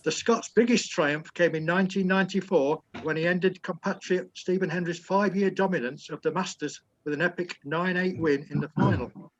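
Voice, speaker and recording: A man's voice: sits high, steady tone, moderate pace, highs cut off, slight background noise. A man reading out the week's sports news to a group on a video call, stopping now and then to correct himself. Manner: reads steadily, corrects his own slips.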